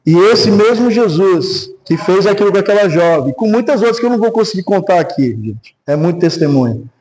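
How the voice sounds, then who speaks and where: Brazilian pastor guy preaching in church, high voice, acts out voices as he tells the story. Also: expressive, brisk, darkish tone, rough recording. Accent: Brazilian Portuguese. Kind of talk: sermon with testimony and prayer. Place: church sanctuary.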